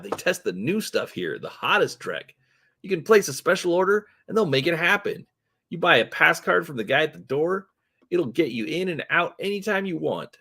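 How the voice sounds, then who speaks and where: A jittery orc hustler with a hard-selling, slangy patter, as a man reads him aloud. The voice sits higher than the performer's usual low register and jumps around in pitch. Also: pushed and bright, husky, heavily acted. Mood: salesy. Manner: fast-talking, wheedling street slang. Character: twitchy shifty male orc drug dealer.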